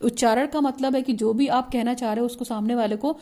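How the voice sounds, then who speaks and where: Mellow-voiced woman teaching a lesson. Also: a little high, steady tone. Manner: mixes English terms into Hindi, reads English passages slowly; repeats points, tag questions. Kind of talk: explaining lesson notes.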